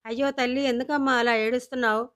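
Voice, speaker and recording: Casting: a woman doing a sentimental, dramatic storybook father, high-pitched voice. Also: fairly even intonation, quick pace, fairly bright tone, natural voice. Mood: gentle. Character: doting middle-aged father, nostalgic and dramatic.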